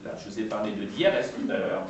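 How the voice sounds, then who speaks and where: A man lecturing on poetry translation to an audience, patient and repetitive, spelling out each term with frequent pauses. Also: on the low side, expressive, muffled recording, crowd noise. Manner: patient, repeats and spells out terms, pausing often. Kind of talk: explanatory talk to an audience. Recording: echoey room from far off.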